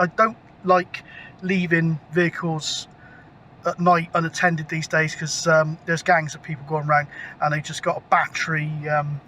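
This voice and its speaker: Outdoors, with background noise plainly audible on the camera mic, a British man in his fifties who vlogs about CB radio rambles casually to camera and swears mildly. His voice sits high and sounds bright and pushed.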